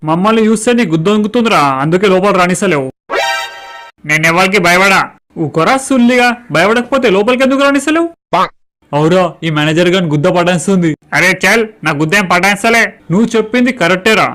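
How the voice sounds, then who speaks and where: A man's voice: sits high, fairly bright tone. A man, swearing through brash banter in a comic skit. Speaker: comedy skit performer. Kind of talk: crude comic skit dialogue.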